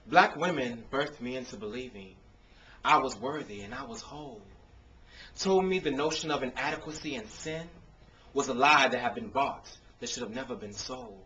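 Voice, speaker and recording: Very animated, an American man performs spoken word poetry at a moderate pace in a mid-range voice that's gravelly, pushed, and bright. He opens casually and then phrases his words with strong expression and emphasis. The camcorder-mic recording sounds dull and noisy.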